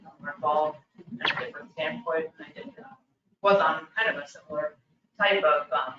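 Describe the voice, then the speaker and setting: A woman introduces herself to a medical commission in a plain, conversational way, with a few "um" fillers. She is far from the mic in a roomy space. The sound is dull, and noise is clearly audible behind her. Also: low-pitched. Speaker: new commission member, internist. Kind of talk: self-introduction.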